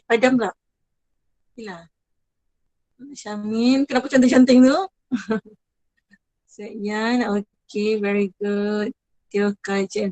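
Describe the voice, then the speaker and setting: A woman's voice: on the high side, a little mellow, no echo, rough recording. A woman teacher with a Malaysian Malay accent, running an online class, chatty and apologetic, praising her students one by one.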